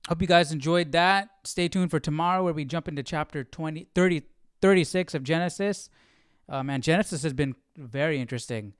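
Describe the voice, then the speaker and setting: Hosting a Bible study livestream, a man thinks things through aloud in a casual, questioning way. His voice is clear, smooth, fairly high, and a little fast. The recording is dry and close, with no room sound.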